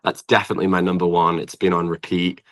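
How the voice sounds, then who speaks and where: A deep, monotone, slightly bright voice rattles along fast as a young British musician talks on a casual podcast interview. He's effusive and informal, though his phrasing is hesitant and full of "like."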